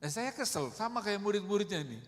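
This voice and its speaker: A middle-aged man preaching a sermon in a conversational way, often calling the congregation "saudara" and acting out quoted speech with big swings in loudness. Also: fairly high pitch, animated, normal speed. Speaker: pastor. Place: church hall. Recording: long hall reverb.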